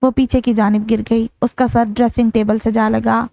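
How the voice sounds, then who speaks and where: A woman reading a novel aloud as an audiobook narrator, in a steady, even manner. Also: a little high, moderate pace, creaky, dry recording. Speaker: novel reader.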